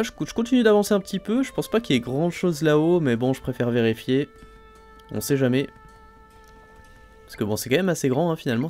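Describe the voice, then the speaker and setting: A let's play host with a mid-range voice casually commentates his gameplay, thinking aloud and chatting away with frequent "hein" and "euh" fillers. He exclaims excitedly at each new find.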